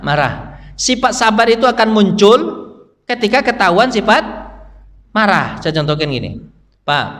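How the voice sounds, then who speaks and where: A man teaching a dawn study circle in a mosque, quizzing the congregation and answering himself, his pitch swinging up high to stress a point. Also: fairly bright tone. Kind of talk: interactive mosque lecture. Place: mosque hall. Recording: reverberant hall sound.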